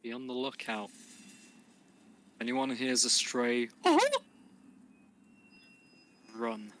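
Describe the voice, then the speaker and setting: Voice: mid-range voice, flat delivery, extremely slow, fairly bright tone. A British player with a sweary, casual way of talking while improvising in a tabletop game. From United Kingdom. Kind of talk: casual improvised role-play chat.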